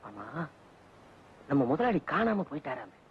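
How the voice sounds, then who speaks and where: A man's voice: fairly high pitch, very animated, measured pace. An eager talkative man. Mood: earnest. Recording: dull old film audio with loud music.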